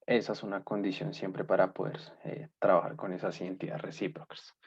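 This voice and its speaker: A man's voice: low-pitched, little pitch movement, a little fast, a little mellow, husky. A man teaching a basic math class in patient steps, often checking in with his students. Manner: checks in often with "¿listo?" and "¿cierto?"; patient, step-by-step explaining. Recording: dull lo-fi class recording.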